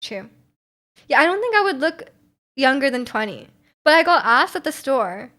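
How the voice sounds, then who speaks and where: A woman in her twenties chatting casually on a stream, reading out viewer messages and answering them. Her voice sits high, and she laughs easily and often. The talk is loose and chatty, full of playful asides. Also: sing-song, normal speed, pushed and bright. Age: 20s.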